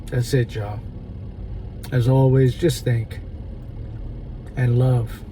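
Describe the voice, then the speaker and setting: A man vlogging in a casual monologue, chewing gum, talking with drawn-out rhetorical asides. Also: medium pitch, level tone, warm tone, a little hiss or hum, poor audio.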